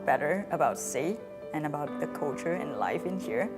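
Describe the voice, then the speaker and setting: Low-voiced woman from Vietnam, over music. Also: lively intonation, moderate pace. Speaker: student in promotional video. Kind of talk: testimonial interview.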